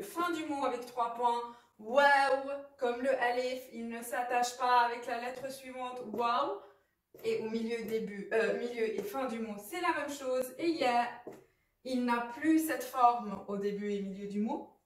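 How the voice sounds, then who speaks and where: A woman teaching how to read letters, patient and repeating sounds slowly with examples. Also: a little high, reverberant, recorded from a distance. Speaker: Arabic reading teacher. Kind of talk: explaining lesson.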